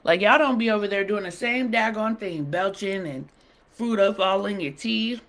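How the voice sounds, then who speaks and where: A woman's voice: mid-range voice, normal speed, a bit bright. A woman hosting a casual livestream, chatting playfully with viewers while she eats. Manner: chatty, playful, bantering with the chat; talks while eating. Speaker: livestream host.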